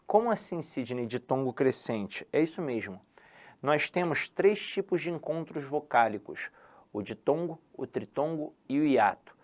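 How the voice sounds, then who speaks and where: A Brazilian man teaching an exam-prep grammar class in a lively way. He draws out important words slowly and loudly and poses questions to himself before answering them. His voice sits at an ordinary middle pitch. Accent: Brazilian Portuguese. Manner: lively, drawn-out emphasis on key words, asks and answers his own questions. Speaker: Portuguese language teacher. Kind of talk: exam-prep video lesson.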